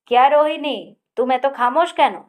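A woman voicing a jovial, loud middle-aged man who mixes Hindi and English into his Bengali, in an audiobook. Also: a little high, normal speed, natural voice. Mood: hearty.

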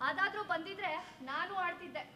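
A woman's voice: very high voice, fairly quick, bright, forceful tone, a little hiss or hum. A woman acting the spirit of a dead young wife in a stage drama, speaking in a bitter, cutting, reproachful way. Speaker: stage actor. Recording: echoey stage sound.

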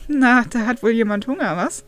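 A woman's voice: fairly high pitch, normal speed, soft background music, close to an everyday voice. A woman doing a teasing, easygoing man. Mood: amused. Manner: teasing, relaxed. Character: easygoing, amused male companion.

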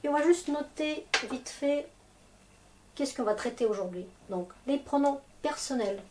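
A woman's voice: high-pitched, expressive, a little slow, mellow, slight background noise. A woman teaching a language lesson in French, explaining patiently step by step. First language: Russian. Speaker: Russian teacher. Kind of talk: slow, clear language lesson.

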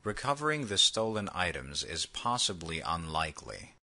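A man reading vocabulary words and example sentences slowly, with a husky voice. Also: low-pitched, big pitch swings, pushed and bright. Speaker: vocabulary lesson reader. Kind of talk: slow read example sentences.

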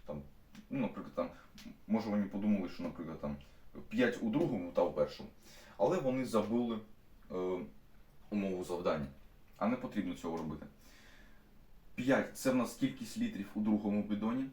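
Teacher, male, young adult, low voice. Explains problems step by step. Recorded from a distance in an echoey classroom. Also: animated, a little fast, long pauses, a little mellow. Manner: stops often to restate steps with fillers. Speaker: math teacher. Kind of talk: explaining math problems to students. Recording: echoey room, mic at a distance.

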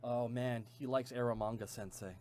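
A man co-hosting a let's play, making excitable, profane jokes in casual gaming commentary. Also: mid-range voice, moderate pace, over a noisy crowd.

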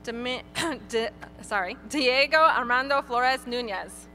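A woman reading graduates' names one by one at an outdoor graduation ceremony, in a clear, measured announcing manner. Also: a little high, bright, forceful tone, slight background noise. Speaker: graduation name reader. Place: outdoor stadium ceremony over PA.

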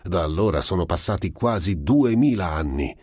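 An earnest old village priest argues his faith brusquely and fervently, lifted above the low voice of the man reading. He sounds flustered but keeps pressing his point. The sound is dry and close. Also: expressive, normal speed, a little mellow, no room sound.

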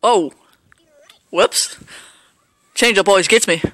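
A man's voice: sits high, takes it slowly, bright, forceful tone, no echo, studio quality. A man casually commentating his own baseball video game play, rambling and joking at himself with lots of fillers. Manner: rambling, self-mocking, hesitant with fillers. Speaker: gameplay commentator.

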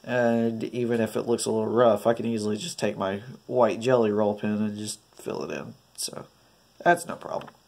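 A craft tutorial host with a nasal, congested voice talks hesitantly through each step of a DIY painting project, hoping it turns out well. His voice is lowish, creaky and a little mellow, with flat delivery at a normal speed.

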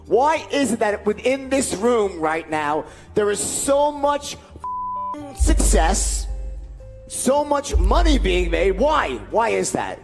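On a big indoor event stage, a middle-aged motivational speaker uses a headset microphone for an emphatic speech that leans on repetition and rhetoric. His high-pitched voice is sing-song, slow, and creaky, with faint music behind it.

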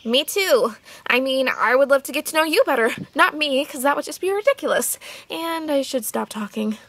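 Woman voicing a flustered, lovestruck girl doll, high voice. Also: animated, moderate pace, a bit bright. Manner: gushing, stumbling, self-correcting. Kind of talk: amateur doll-play skit acting.

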